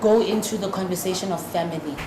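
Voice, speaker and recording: South african woman hosting a podcast, lively, mixes in zulu, echoey room with noise behind her. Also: fairly low pitch, fast talker. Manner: lively, drops Zulu words into English questions. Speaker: podcast host. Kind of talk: podcast interview.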